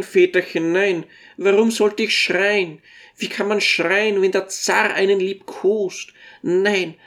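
A reader voicing a tiny, humble old dwarf who tells his story with gentle deference in an audiobook. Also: medium pitch, lightly acted. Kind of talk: audiobook character reading.

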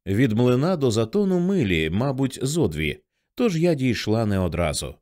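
Guy reading an audiobook, low voice but swings around a lot, measured pace. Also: darkish tone. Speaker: audiobook reader. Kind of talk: scripted first-person narration.

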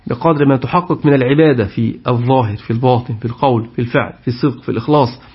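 A man's voice: mid-range voice, racing. A man giving a Quran tafsir lesson, putting questions to his class and repeating their answers. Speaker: Quran teacher. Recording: dull lo-fi recording.

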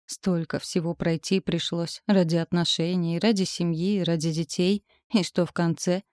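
Woman, audiobook narration, expressive, dark warm tone, dry close sound. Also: lowish voice, dry recording. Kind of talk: first-person audiobook narration.

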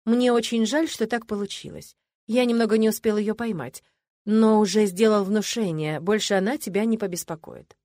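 A woman's voice: mid-range voice, fairly even intonation, moderate pace, darkish tone, dry recording, close to an everyday voice. Woman voicing a cocky young man mage, unruffled, teasing, dry close sound, audiobook. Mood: apologetic. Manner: easygoing, unruffled.

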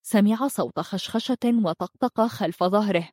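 A woman narrating a dramatic story in a steady audiobook style. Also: mid-range voice, normal speed, no room sound, clean studio sound.

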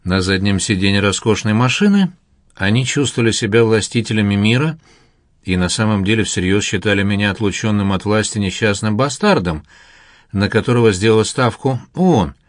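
A man narrating an audiobook in a calm, measured storytelling manner. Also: lowish voice, no echo, clean studio sound.

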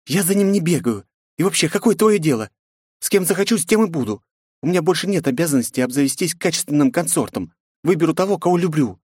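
A man's voice: on the high side, animated, quick pace, darkish tone, breathy edge, no room sound, clean studio sound, voice pushed up. A man voicing a defiant, sarcastic eighteen-year-old princess in an audiobook, with cheeky, mocking retorts.

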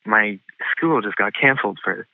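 A man's voice: on the low side, moderate pace, creaky, no room sound. A man in his twenties calling in on the phone, shy and hesitant. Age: 20s. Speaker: caller. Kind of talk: phone call. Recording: tinny phone line.

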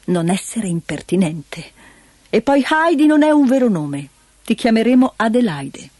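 A woman voicing a strict, stern middle-aged governess in a storybook reading, speaking in sharp, clipped scolding tones. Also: a little high, sing-song, a little slow, dry recording. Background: background music.

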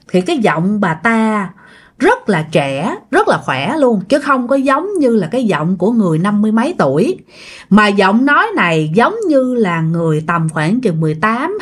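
A woman narrating a ghost story in a chatty way, talking straight to the listeners. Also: mid-range voice. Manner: chatty, addresses listeners directly.

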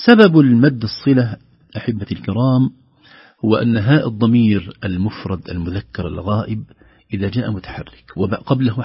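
A middle-aged man teaching the rules of Quran recitation, patiently explaining and demonstrating words slowly and more loudly. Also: lowish voice, husky, no room sound, dull audio.

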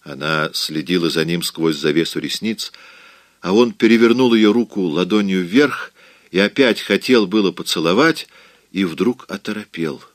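A man narrating an audiobook in a measured, even storytelling manner. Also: low voice, no echo, clean studio sound. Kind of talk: scripted narration.

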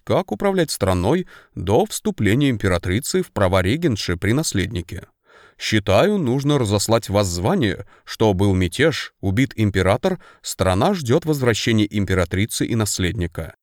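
Мужчина в роли чопорного начальника охраны. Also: male voice, fairly low pitch, no echo, clean studio sound. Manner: formal report, measured. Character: male imperial security chief, dutiful and formal.

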